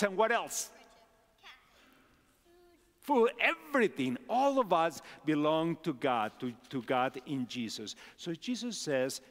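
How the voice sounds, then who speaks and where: A middle-aged male pastor giving a children's message, asking the children simple questions. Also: mid-range voice. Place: large church sanctuary. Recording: long hall reverb.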